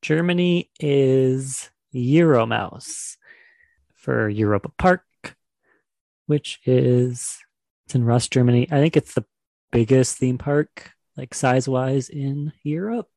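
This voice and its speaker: A man's voice: medium pitch, slow pace, gravelly, dark tone, dry recording. A man co-hosting a podcast and running a quiz game, chatty and enthusiastic, laughing often. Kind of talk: casual chat.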